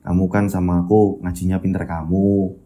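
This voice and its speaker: A man putting on a quiet, sad little schoolboy. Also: level tone, normal speed, natural voice, rough recording. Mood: subdued. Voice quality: low and subdued, trailing off. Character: quiet sad elementary schoolboy with a strange secret.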